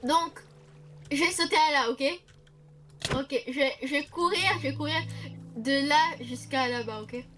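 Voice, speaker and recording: A woman's voice: high-pitched, measured pace, pauses often, a bit bright, soft background music. A woman chatting casually while playing a video game with her sister, goofy and playful, making silly noises. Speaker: let's play gamer. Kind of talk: casual gaming chat.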